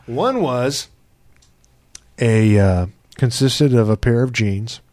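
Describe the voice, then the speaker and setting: A man's voice: mid-range voice, animated, extremely slow, darkish tone, dry recording. A man co-hosting a podcast in casual banter, joking crudely and swearing often. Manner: crude, profane joking with frequent laughs. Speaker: podcast co-host.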